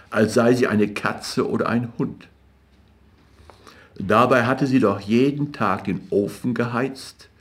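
Narrating literary fiction for an audiobook, a man with a medium-pitched voice reads in a measured, even way.

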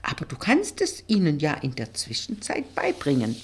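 A woman voicing a dry, quick-witted woman detective. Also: low-pitched, huge pitch swings, husky, full character voice.

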